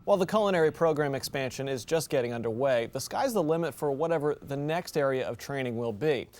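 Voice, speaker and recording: A man's voice: mid-range voice, expressive, fast, darkish tone. Man reading a news report. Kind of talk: scripted news narration, then casual studio chat.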